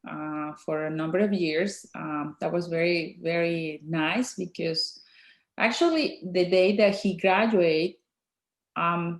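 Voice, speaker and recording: Soft-spoken Mexican woman in an echoey room. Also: fairly low pitch. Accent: Mexican Spanish. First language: Spanish. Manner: soft-spoken, halting, with many fillers. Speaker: guest dentist. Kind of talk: interview.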